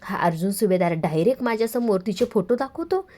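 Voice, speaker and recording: A woman's voice: mid-range voice, expressive, a little fast, dark tone, close to an everyday voice. A woman voicing a worried middle-aged man in jail, muttering anxiously to himself. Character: worried middle-aged male convict, a scheming father.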